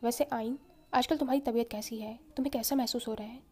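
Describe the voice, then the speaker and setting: A woman voicing a calm, caring young female healer who speaks gently with a light teasing edge. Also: a little high, fast talker, breathy edge.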